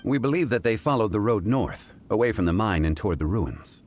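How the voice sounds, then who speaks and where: An actor playing a calm, erudite gentleman investigator in a video game, speaking in a measured, formal way. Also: on the low side, a little hiss or hum, natural voice. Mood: composed. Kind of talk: video game character acting.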